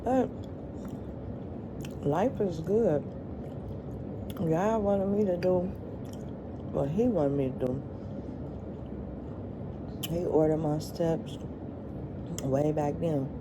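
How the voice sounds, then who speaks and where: A middle-aged woman vlogger chatting casually to her viewers while eating, in a halting, colloquial way. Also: sits low, background noise.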